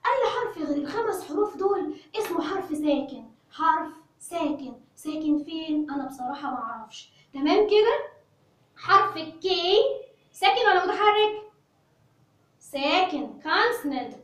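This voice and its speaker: A woman's voice: extremely high pitch, lively intonation, normal speed. A woman with an Egyptian Arabic accent teaching English to children, playful, with sing-song chants. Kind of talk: children's lesson. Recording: very echoey room, mic far off.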